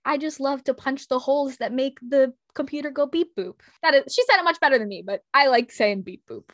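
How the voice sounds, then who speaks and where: A woman's voice: fairly high pitch, fairly bright tone, dry recording, studio quality. A woman co-hosting a casual history podcast, chatty and jokey, with frequent "like" fillers. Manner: chatty, jokey, uses "like" often. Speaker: podcast co-host.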